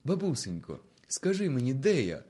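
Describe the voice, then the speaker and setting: Man reading as a scared young orphan girl, soft and sad, hushed. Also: mid-range voice, wildly swooping pitch, normal speed, husky, voice pushed up. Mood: weak. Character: frightened young orphan woman, grieving and devout.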